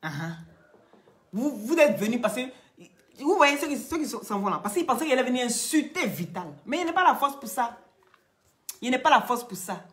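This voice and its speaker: Woman, casual chat to viewers, animated, scolding, swings loud and quiet. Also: fairly high pitch, brisk.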